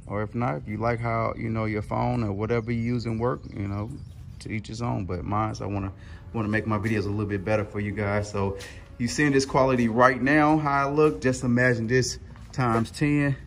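Gravelly and brisk, a thirtysomething man's mid-range voice keeps fairly even intonation as he vlogs casually into a handheld camera with a foam mic. He rambles through his driveway and garage, scattering fillers throughout.

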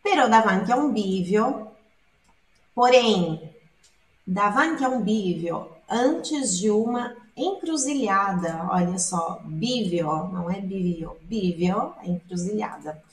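A woman's voice: medium pitch, animated, slow pace. A woman with a Brazilian Portuguese accent teaching Italian song lyrics, explaining and repeating words to show how they are said. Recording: echoey room, voice from a distance.

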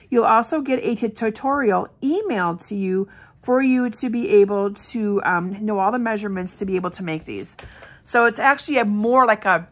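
A woman's voice: medium pitch, a bit bright. A middle-aged woman demonstrating card making in a casual, chatty tutorial, her voice still scratchy with a lingering cough. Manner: chatty and upbeat, addressing viewers directly.

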